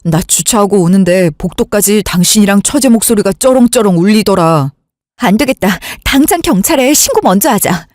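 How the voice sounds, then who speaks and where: A woman voicing a calm, evasive husband in a radio drama, who keeps telling his upset wife to slow down and stay calm. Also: mid-range voice, dry recording, clean studio sound, lightly acted. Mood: placating. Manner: soothing, stalling, keeps urging calm. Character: calm, evasive man, elder sister's husband. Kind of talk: Korean radio drama acting.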